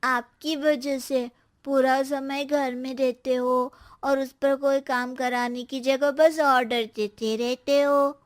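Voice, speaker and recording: A woman's voice: sits high, level tone, slow pace. A woman voicing a cheeky, lazy young schoolboy who talks back in a drawl, in a children's cartoon story. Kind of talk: animated children's comedy story.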